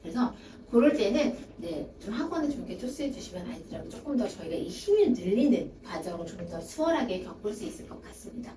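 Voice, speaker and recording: A woman's voice: medium pitch, sing-song, fast. A woman academy director giving a talk to parents, explaining her points by acting out students' excuses in their voices. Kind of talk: parent information session talk. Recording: echoey room, voice from far off, faint hiss.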